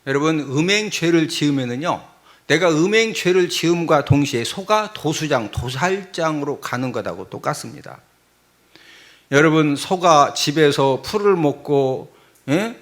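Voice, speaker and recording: Male pastor, sermon, high voice, swooping lively pitch, comic. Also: a little slow. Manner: animated, comic, calls out to the congregation.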